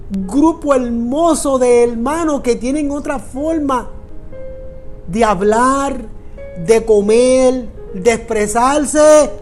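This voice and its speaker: A man from Puerto Rico, speaking with an extremely high pitch and a darkish tone, preaches a sermon on prayer. He's a pastor with a Puerto Rican Spanish accent whose delivery is earnest and repetitive, addressed right to his listeners.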